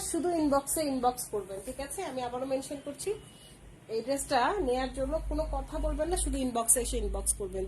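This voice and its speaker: A woman's voice: sits high, a little mellow, slight background noise, poor audio. A woman hosting a live clothing sale stream, using repetitive, persuasive sales patter.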